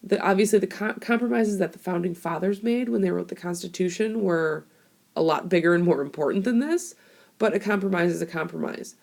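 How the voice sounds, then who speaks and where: This history lesson comes from a young teacher fighting a cold, talking a little fast into a tablet mic in a casual, filler-laden way. Her low, creaky voice has a darkish tone and hoarseness. It's a classroom screencast.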